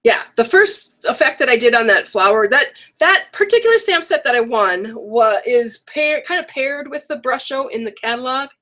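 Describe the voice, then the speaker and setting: A middle-aged woman hosts an online craft workshop as a casual live-stream chat, rambling and correcting herself, her voice worn from a coming cold. She speaks at a normal speed with few pauses, in a fairly high, lively voice that sounds bright and forceful.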